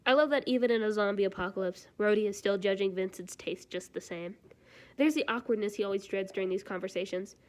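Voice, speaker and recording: A woman streamer reading fan fiction aloud live, breaking off into chatty, animated reactions. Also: medium pitch, quick pace.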